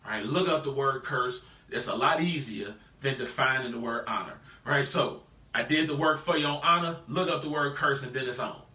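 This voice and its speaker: A man's voice: medium pitch, normal speed, reverberant, recorded from a distance. A man teaching a live Bible study in a casual, slangy way, constantly asking "right?" to his listeners. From United States. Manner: animated, peppers talk with rhetorical "right?".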